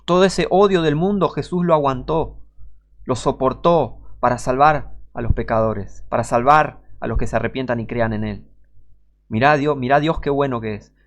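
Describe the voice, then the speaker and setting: A man's voice: medium pitch, normal speed. Preacher, male, Rioplatense Spanish accent; emphatic, rhetorical sermon delivery aimed at the listener. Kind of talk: informal online sermon.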